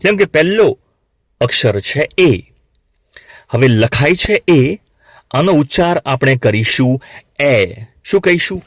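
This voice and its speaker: A man teaching English phonics to beginners, saying each sound slowly and asking learners to repeat it back. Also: on the high side, lively intonation, no echo. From Gujarat, India. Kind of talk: classroom lesson for beginners.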